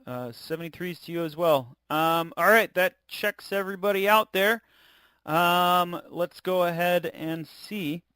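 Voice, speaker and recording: A man with a fairly high voice acts as net control on an amateur radio net. He talks informally and haltingly, calling on operators. The sound is dry, with little room to it. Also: sharp tone, clean tone, no echo. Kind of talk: hosting a ham radio check-in net.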